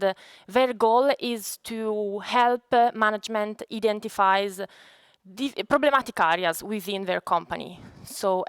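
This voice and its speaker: An Italian data scientist, a native speaker with an Italian accent, gives a conference presentation in a halting, explanatory way. Her mid-range voice is a bit bright and clean, with no room sound.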